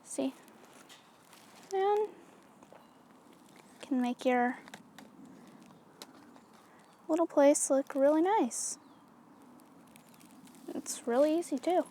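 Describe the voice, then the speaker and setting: A woman's voice: high-pitched, animated, slow pace, long pauses, mellow, a little hiss or hum. A woman casually talking through a hands-on craft demonstration, chatty and easygoing, with lots of little fillers. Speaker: craft tutorial host.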